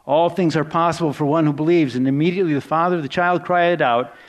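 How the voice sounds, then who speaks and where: A man delivers a sermon in an easy, conversational way, with a voice pitched a little high. He turns reflective and drops softer when he quotes scripture lines. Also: steady tone, quick pace. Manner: conversational, reflective preaching with soft dips for quoted words. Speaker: preacher.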